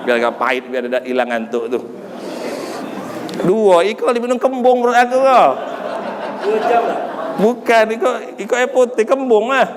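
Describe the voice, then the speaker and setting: A man preaching a sermon, joking with the audience and swinging between soft asides and loud preaching. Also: sits high, animated, brisk, a crowd in the background. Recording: long hall reverb.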